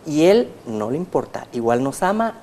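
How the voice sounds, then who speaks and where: A man's voice: on the high side, very animated, normal speed, a loud crowd. A man hosting a religious TV interview, formal and welcoming in how he talks. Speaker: TV program host.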